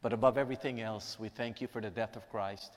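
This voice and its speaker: A man from Guyana speaks fast in a fairly low, steady voice while preaching a sermon with prayer. Emphatic and instructive, he repeats key lines for weight, recorded with long reverb in a large hall.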